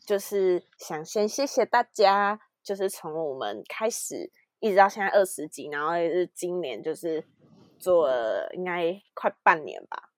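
A woman co-hosts a relaxed podcast and teases her partner with quick quips. Her pitch moves in a lively, animated way from line to line. The recording is close and dry. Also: no echo. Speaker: podcast co-host. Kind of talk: casual chat.

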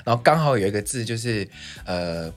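A man's voice: fairly low pitch, animated, brisk, soft background music. A man with a Taiwanese Mandarin accent, a songwriter guest chatting casually in an interview, often laughing and restarting his sentences.

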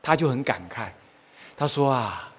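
A man's voice: medium pitch, a little slow, husky. A male Buddhist monk gives a lecture on Buddhist history, often asking his listeners questions and exclaiming. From Taiwan. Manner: animated, asks the audience questions, exclaims often.

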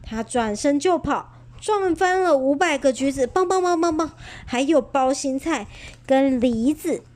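A mother reading a children's story aloud at bedtime in a gentle, expressive way. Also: sits high, a little slow.

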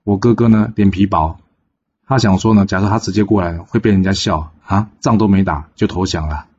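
A man's voice: low voice, a little fast, a little mellow, dull audio, slight background noise, natural voice. A man voicing a gullible, easily swayed young general in a storybook tale.

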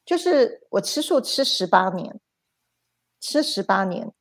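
A woman speaks as a spiritual teacher on a livestream. She tells her stories in an animated way, repeating phrases and adding sound words. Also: medium pitch, a little slow. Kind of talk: livestream storytelling talk.

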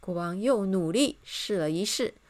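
A woman's voice: medium pitch, normal speed. A woman narrating a children's story and speaking to young listeners. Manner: warm, expressive, addresses children.

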